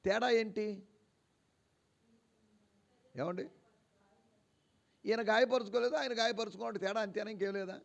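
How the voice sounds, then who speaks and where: High, gravelly-voiced preaching man. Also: moderate pace, pauses often, lo-fi sound. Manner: animated preaching, many rhetorical questions to the congregation; swings between low quiet asides and raised emphatic declarations. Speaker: pastor. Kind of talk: sermon. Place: church service.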